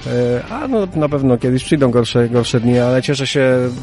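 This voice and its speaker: A man's voice: mid-range voice, normal speed, darkish tone, soft background music. A male team coach giving a post-event interview, hesitant and repeating words as he searches for them.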